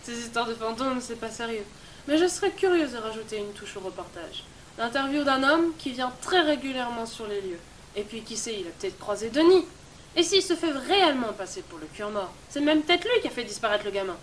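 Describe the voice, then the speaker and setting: A woman playing a young documentary director who talks in a brisk, organizing way. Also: a little high, lively intonation, a little hiss or hum, lightly acted.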